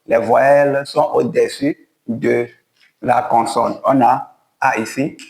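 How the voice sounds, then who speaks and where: In a roomy, low-quality recording, a man with a steady, gravelly, slightly mellow mid-pitched voice gives a board writing lesson. He's a language teacher guiding each letter stroke of an alphabet with slow, patient, step-by-step care as he explains reading and writing.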